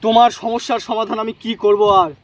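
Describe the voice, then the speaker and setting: A man's voice: sits high, steady tone, fast talker, a little hiss or hum. A young Bengali man acting a fake holy man in a comic village sketch, in a mock-solemn way.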